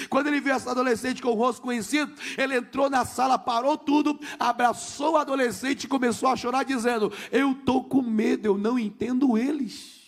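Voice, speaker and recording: A middle-aged Brazilian man with a Brazilian Portuguese accent, a missionary pastor preaching and telling his testimony in a lively way, acting out the people in his story. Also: high-pitched. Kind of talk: sermon testimony.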